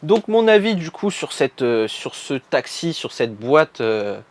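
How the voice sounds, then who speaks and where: Young guy chatting thru a set review, friendly, lots of pauses n restarts. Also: a little high, sing-song, soft background music. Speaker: vlogger reviewing a LEGO set. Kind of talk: casual review vlog.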